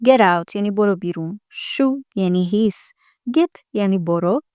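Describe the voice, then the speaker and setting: A woman teaching English from film lines, repeating each line slowly in an American accent and then explaining it. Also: medium pitch, expressive, dark tone, smooth, no room sound, studio quality.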